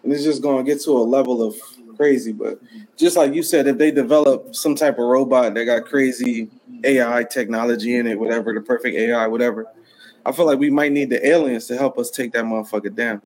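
A man's voice: medium pitch, steady tone, fairly quick, a little mellow, a little hiss or hum, rough recording. A man co-hosting a podcast, musing in a laid-back, profane casual chat. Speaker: podcast co-host.

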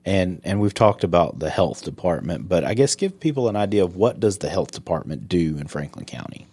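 A man's voice: low-pitched, animated, a little fast, warm tone, slightly rough, no room sound. A man from South Carolina hosting a county podcast interview, easygoing and teasing, often restarting his sentences. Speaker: podcast host. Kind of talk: casual interview chat.

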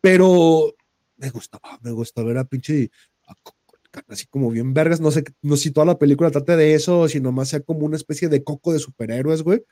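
A man's voice: on the high side, brisk, mellow, no echo, clean studio sound. A man with a Mexican Spanish accent hosting a podcast, ranting in crude slang and slipping into mocking voices. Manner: crude, slang-heavy rant with mocking put-on quote voices. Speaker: podcast host. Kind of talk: casual podcast chat.

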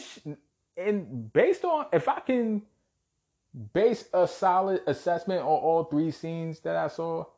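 A man's voice: high voice, dark tone. Heated, foul-mouthed young man ranting. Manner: heated, profane, emphatic. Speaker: commentator. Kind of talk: ranting commentary.

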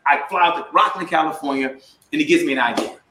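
A man's voice: fairly high pitch, animated, fast, noisy background. A middle-aged man giving a motivational sales talk to a live audience, emphatic and drawing call-and-response from the crowd. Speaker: sales coach and speaker. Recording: echoey room.

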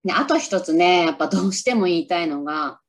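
Woman, low voice, lively pitch, casual podcast chat, upbeat, Japanese native speaker. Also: quick pace. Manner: chatty, upbeat, tries out English lines aloud. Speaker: podcast host. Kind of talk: casual solo movie review talk.

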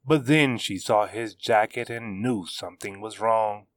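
A man narrating his own serialized web novel in a measured, steady reading. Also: on the low side, no room sound. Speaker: author narrator.

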